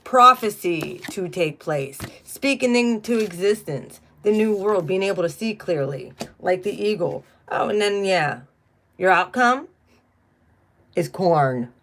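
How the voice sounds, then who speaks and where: A middle-aged woman talks through a spiritual card reading in a loose, chatty way. Her voice sits at an ordinary middle pitch, and she turns blunt and salty whenever she gets fired up. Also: lively intonation, a little slow, a bit bright, a little hiss or hum. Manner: chatty, blunt, swears when riled. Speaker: tarot card reader.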